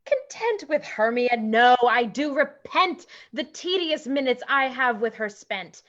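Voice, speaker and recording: Woman as young male lover, earnest, slow measured verse, raised pitch, dull lo-fi sound. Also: very animated, fairly bright tone, heavily acted. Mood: ardent. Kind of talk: Shakespeare reading.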